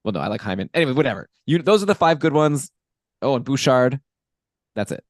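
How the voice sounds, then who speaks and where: A man's voice: mid-range voice, expressive, quick pace, no room sound, studio quality. A man co-hosting a fantasy hockey podcast in casual chat, talking loosely with asides and laughing at himself. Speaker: podcast co-host.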